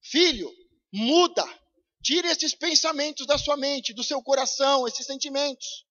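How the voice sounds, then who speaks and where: A male pastor preaching a fiery sermon at a church service, swinging from shouted urgent pleas to low intense tones, with a São Paulo Brazilian accent. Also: measured pace, dull audio. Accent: Brazilian Portuguese, São Paulo.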